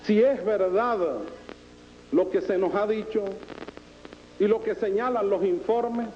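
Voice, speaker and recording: A man with a Venezuelan Caribbean Spanish accent giving formal political oratory in deliberate, rhetorical phrases with emphatic repetition. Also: high-pitched, fairly even intonation, dull audio, a little hiss or hum. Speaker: political speaker presenting a constitutional proposal.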